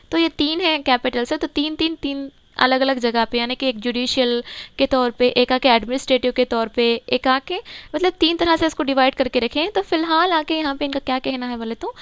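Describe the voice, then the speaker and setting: A woman teaching a current affairs lesson for exam students. She explains slowly and repeats the key words so that they stick. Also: sits high, fairly bright tone, smooth, dry recording.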